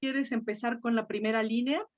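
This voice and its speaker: Mexican woman, a little high, patient teacher on a dull lo-fi call line, encourages and corrects gently. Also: steady tone, moderate pace. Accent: Mexican Spanish. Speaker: Latin teacher. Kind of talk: online class instruction. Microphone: video call. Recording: lo-fi video call audio.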